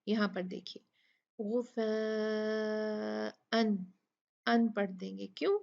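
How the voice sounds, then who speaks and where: A woman teaching a recitation lesson, asking questions and answering them herself, and slowly sounding out example words. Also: medium pitch, darkish tone. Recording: dull lo-fi recording.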